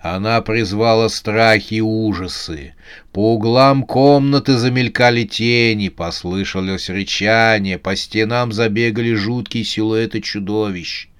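A man reading a comic horror novel aloud as an audiobook narrator, in a steady, measured way. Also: on the low side, smooth.

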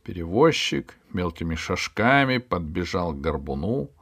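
Male audiobook narrator, low gravelly voice, slow lively reading. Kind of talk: scripted storybook narration.

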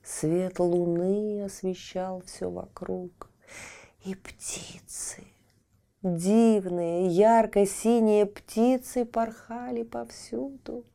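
A woman narrating a fairy tale for a children's audiobook in a gentle, unhurried way. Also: mid-range voice, fairly even intonation, gravelly. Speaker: storyteller.

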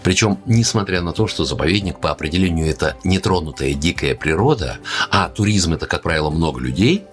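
A man's voice: sits low, expressive, a little fast. A man hosting a nature radio programme, reading scripted narration in a presenter's style.

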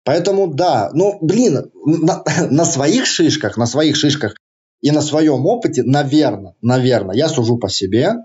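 A man's voice: a little high, animated, unhurried, a little mellow. Slightly lisping man, dull lo-fi sound. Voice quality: slight lisp with slushy sibilants. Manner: slangy, colloquial, joking. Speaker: targeted-ads specialist, interview guest. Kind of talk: casual interview chat.

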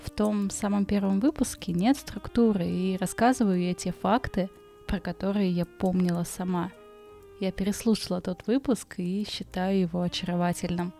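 Her voice is medium-pitched, warm and gravelly, steady in tone and moderate in pace. The woman hosts a bedtime story podcast, narrating colloquially with chatty asides over background music. She has a speech impediment that makes her r burred rather than rolled.

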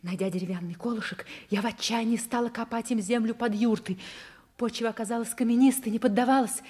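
A woman acting a grave, defiant woman who recalls her harsh youth, in a breathy, hushed, solemn 1960s radio drama narration. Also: a little high. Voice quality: breathy, often hushed to a whisper. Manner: slow, solemn, impassioned declaiming. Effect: old radio show sound.

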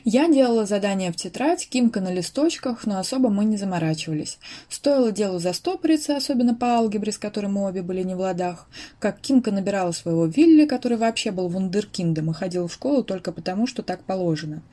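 A woman reading a first-person audiobook, expressive storytelling narration. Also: medium pitch, quick pace.

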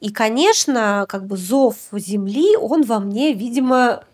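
A woman's voice: on the high side, lively intonation, unhurried, a little mellow. A woman documentary director from Yakutia, talking through her work in a podcast interview, reflective and full of hesitations. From Yakutia, Russia. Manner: reflective, hesitant, many filler sounds.

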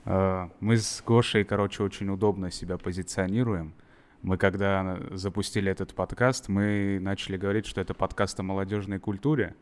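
A man with a deep voice co-hosts a podcast interview. He asks his questions casually and informally, often starting over mid-sentence. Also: steady tone, a little fast. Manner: asks questions in a loose, chatty way. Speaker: podcast co-host.

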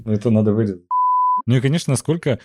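A man's voice: medium pitch, racing, warm tone, dry recording. A man co-hosting a podcast, chatting casually with jokey, sweary banter. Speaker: podcast co-host.

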